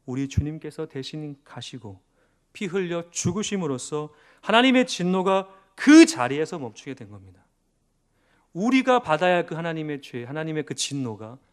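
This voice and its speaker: Korean pastor preaching with dramatic dynamics. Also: male voice, a little high, clear, resonant tone. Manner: dramatic swings from loud emphasis to hushed near-whispers; asks questions and answers them himself. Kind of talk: sermon. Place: church.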